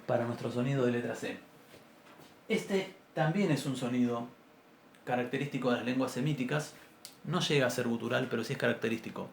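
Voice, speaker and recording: A man teaching an introductory Biblical Hebrew class, explaining patiently and clearing his throat often. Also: mid-range voice, fairly quick. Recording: roomy echo, faint background noise.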